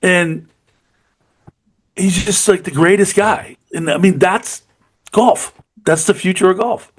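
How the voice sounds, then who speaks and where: This middle-aged podcast co-host has a high-pitched, husky voice and talks slowly. His casual golf chat is full of enthusiasm, punctuated by frequent "you know what I mean."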